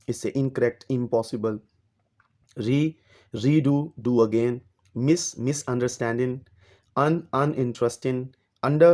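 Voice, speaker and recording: A man teaching an English textbook exercise, reading each English line slowly and then explaining it in Urdu. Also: medium pitch, darkish tone.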